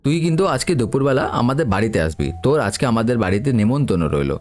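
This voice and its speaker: A man's voice: mid-range voice, very animated, quick pace, a little mellow, a little hiss or hum, lightly acted. A man voicing his teasing, easygoing young male best friend in a told story.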